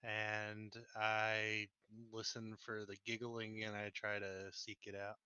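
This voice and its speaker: A man's voice: lowish voice, completely flat delivery, takes it slowly, sharp tone, clean tone, highs cut off. A man playing a tabletop game, casually describing his actions into a clipping mic.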